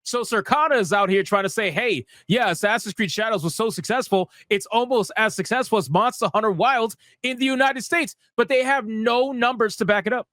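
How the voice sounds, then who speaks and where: A man hosting a gaming news livestream talks in a high, fairly bright voice, a little fast with few pauses, in clean studio sound with no echo. His commentary is casual, sweary and slangy, emphatic, sarcastic and mocking, and he repeats phrases for effect.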